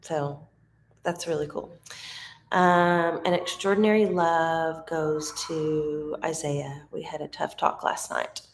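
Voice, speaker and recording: Low, gravelly-voiced woman musing slowly. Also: fairly even intonation, slight background noise. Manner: rambling, heartfelt, searching for words. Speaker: vlogger and mom. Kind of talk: casual reflective vlog talk. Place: at a resort on vacation.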